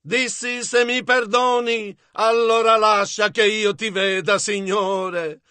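A man translating a preacher phrase by phrase in a calm, measured voice-over. His voice is fairly high and bright, and he paces himself slowly. The sound is close and dry, with no room around it. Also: clear, resonant tone, no room sound. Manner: measured, steady delivery. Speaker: interpreter. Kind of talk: translating a sermon line by line.

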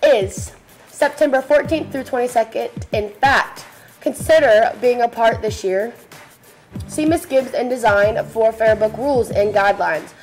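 Casting: teenage female student news anchor, slightly high voice, chatty and playful, light music underneath. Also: unhurried, low-quality recording. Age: teens. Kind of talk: school announcements. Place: small school video studio, seated at desk.

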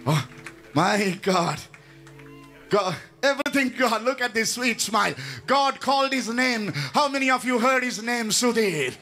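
A man pastor leading a healing service, blessing people with emphatic repetition and now and then breaking into song or shouting. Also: very high voice, expressive, measured pace, soft background music.

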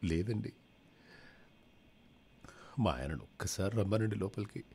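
A man voicing a suspicious middle-aged wife who talks softly and hesitantly. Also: fairly low pitch, animated, unhurried, husky, exaggerated voice. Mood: hesitant wary.

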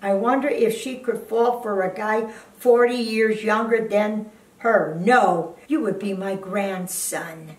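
A woman in her eighties, a blunt grandmother, reading aloud haltingly and adding indignant, scolding remarks. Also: a little high. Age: 80s. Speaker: grandmother reading fan fiction aloud on a video channel. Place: indoor living room, seated in an armchair. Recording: roomy, distant microphone.

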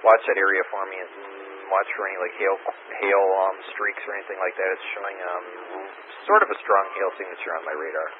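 Male net control operator, low voice, tinny static-heavy radio transmission. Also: flat delivery, fairly quick. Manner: procedural, reads warnings aloud. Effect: radio transmission with room static. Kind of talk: amateur radio weather net. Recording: static-filled thin radio line.

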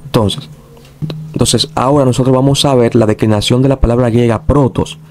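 Guy teaching a lesson, gravelly dark voice, goes over stuff again and again real patient. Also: mid-range voice. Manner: patient, repeats rules to make them clear. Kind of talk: recorded lesson.

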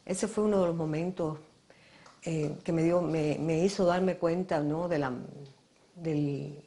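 A woman's voice: low-pitched, steady tone, measured pace, warm tone. A woman, an actress, thoughtfully recalling her work with a director in a documentary interview, sometimes searching for words. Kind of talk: reflective interview recollection.

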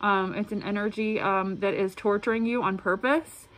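A woman talks through a face mask, which slightly muffles her words. She gives an informal spiritual reading in an earnest, halting way, often repeating herself. Her pitch is average, and faint noise sits behind her in the room. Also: steady tone, fairly bright tone. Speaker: tarot reader. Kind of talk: casual spiritual tarot reading to camera. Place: indoor room at a table. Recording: clearly noisy room recording.

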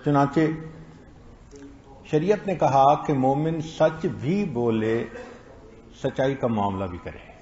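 A man preaching a sermon, telling stories and acting out quoted lines in a slow, deliberate delivery. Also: medium pitch, a little mellow. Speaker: Islamic preacher. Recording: roomy, dull lo-fi recording.

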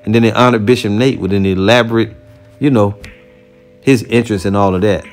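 Blunt, low-voiced man preaching. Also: soft background music. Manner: blunt and heated, with casual profanity; reads scripture aloud slowly and deliberately. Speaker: religious teacher reacting to a video. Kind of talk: informal preaching commentary with scripture reading.

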